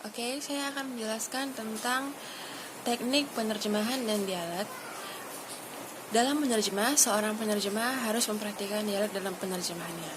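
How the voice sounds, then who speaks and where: A woman's voice: medium pitch, moderate pace, noisy background. A woman student giving a class presentation, explaining steadily with frequent hesitations.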